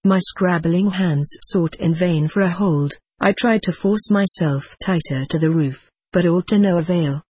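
A man's voice: sits high, a little slow, hardly any pauses, a little mellow, breathy edge, no echo. A man reading a first-person adventure story aloud with dramatic expression. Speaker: audiobook narrator.

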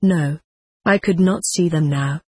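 A man's voice: a little high, a little slow, breathy edge, no room sound. A man reading a first-person adventure story aloud with dramatic expression. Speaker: audiobook narrator.

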